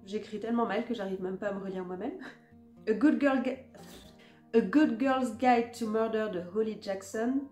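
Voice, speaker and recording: A woman vlogger with a somewhat high, mellow voice, chatting about books in an easy, self-mocking way. She is recorded in an echoey room, with soft guitar music playing faintly behind her. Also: normal speed. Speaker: book vlogger. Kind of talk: casual chat about a reading list.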